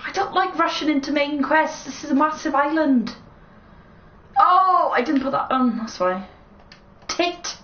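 A woman's voice: high-pitched, unhurried, pauses often, a bit bright, roomy sound, muffled recording. A woman chatting casually while streaming a video game, swearing and giggling often. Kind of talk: casual live-stream gameplay chat.

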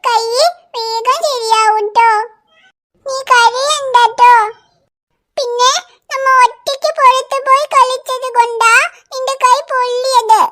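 Cartoon big sister, small girl, very high and bright childlike voice, earnest and soothing. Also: flat delivery, slow, long pauses, exaggerated voice. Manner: earnest, soothing toward her baby brother. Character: little girl, caring older sister. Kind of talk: cartoon voice acting.

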